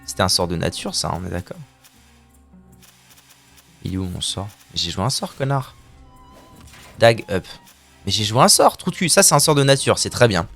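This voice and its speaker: Lively guy streaming card games, goofy sound effects, cheeky trash talk, faint music under him. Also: fairly low pitch, moderate pace, creaky, long pauses. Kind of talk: live gameplay commentary.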